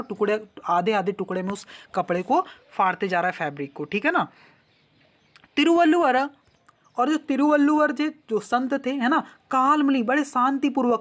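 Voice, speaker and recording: A woman teaching an English textbook lesson, reading each line slowly and then explaining the words one by one, with frequent tag questions. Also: fairly high pitch. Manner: adds tag questions to her sentences.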